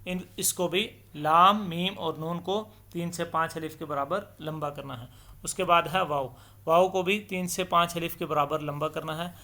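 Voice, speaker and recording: A man teaching Arabic letter pronunciation step by step, patiently explaining and stretching each letter sound long and loud as he demonstrates, with English terms mixed in. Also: on the high side, steady tone. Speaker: Quran recitation teacher.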